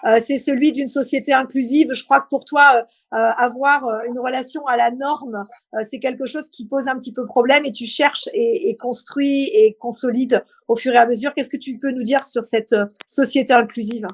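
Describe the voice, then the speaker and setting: A woman's voice: high voice, fairly even intonation, normal speed. A woman hosting a live interview, speaking informally as she puts questions and introduces topics. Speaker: interview host. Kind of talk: live online interview, quiz-style questions then conversation.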